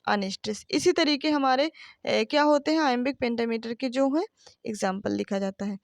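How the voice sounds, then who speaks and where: Her voice is gravelly and on the high side, and she speaks at a moderate pace in a studio-quality recording with no room sound. She teaches English literature for exams, reading questions and then explaining them. She calls her listeners friends and answers her own rhetorical questions.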